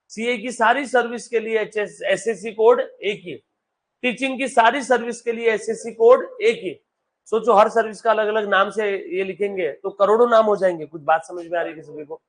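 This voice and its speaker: Male commerce teacher, high voice, live classroom, quizzes students often. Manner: quizzes students, calls them beta; reads English text slowly, explains in Hindi. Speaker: accountancy teacher.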